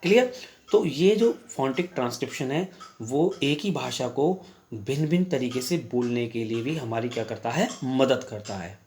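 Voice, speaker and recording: A man teaching a class in Hindi, reading English examples slowly and answering his own questions as he explains. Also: mid-range voice, animated, a little mellow, a little hiss or hum. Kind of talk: classroom lecture.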